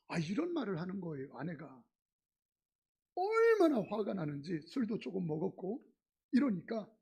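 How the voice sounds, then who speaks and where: A middle-aged male pastor preaching a sermon, telling stories dramatically with sudden loud exclamations and leading the congregation in call-and-response. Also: sits high, creaky, slightly rough. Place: church sanctuary.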